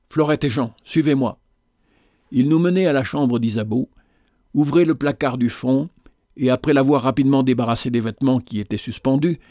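A man reading a historical story aloud, steady and measured, at a middle pitch. The recording is dry and close, with no room sound. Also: no echo. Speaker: narrator.

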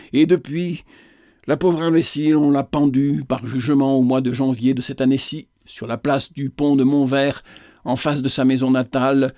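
A man's voice: medium pitch, warm tone, no echo, clean studio sound, lightly acted. A man reading a grave old master. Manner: grave storytelling. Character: old schoolmaster telling a ghost story.

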